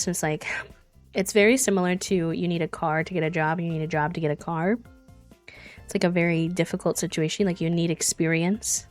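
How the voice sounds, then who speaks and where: A woman livestreamer chatting casually while she plays a game. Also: deep voice. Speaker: streamer hosting a charity gaming livestream. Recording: music behind the voice. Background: music.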